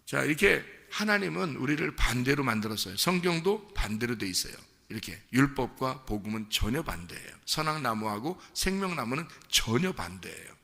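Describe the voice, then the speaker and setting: Male pastor, sermon, gravelly voice, bright tone, church hall reverb. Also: mid-range voice, brisk, few pauses. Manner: animated, playful, asks the congregation questions. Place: church sanctuary.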